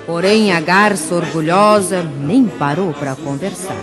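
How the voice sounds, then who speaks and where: A woman reading a rhymed children's story for radio in a slow, sing-song way. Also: fairly low pitch, in a large hall, music in the background.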